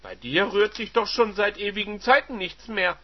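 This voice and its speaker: On a dull, lo-fi recording, a man plays a middle-aged wife who is furious and humiliated, shouting shrill accusations. The delivery is expressive and at a normal speed.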